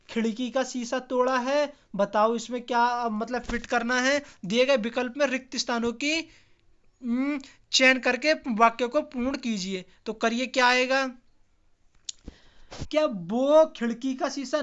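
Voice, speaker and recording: A man's voice: very high-pitched, a bit bright. A man teaching an online exam practice lesson, asking viewers questions and answering them himself. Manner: quizzes viewers, repeats and answers own questions. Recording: dull lo-fi recording.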